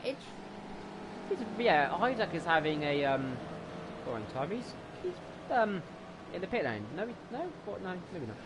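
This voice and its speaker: A man doing live motorsport commentary in an excitable, exclaiming play-by-play manner. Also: fairly high pitch, normal speed. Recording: noisy, car engine sound behind.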